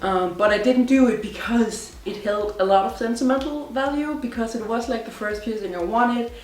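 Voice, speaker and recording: This vlogger, a woman in her twenties with a fairly high voice, talks at a moderate pace in casual, rambling fashion, using lots of fillers and correcting herself. She is recorded at home, indoors, by a distant mic that picks up the room's echo.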